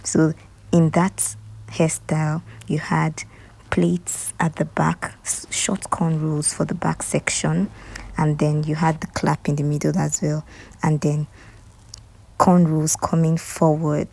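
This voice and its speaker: A Nigerian woman talking viewers through a hair tutorial in a casual voice-over, often dropping into soft, half-whispered asides. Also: low-pitched, little pitch movement, takes it slowly, gravelly.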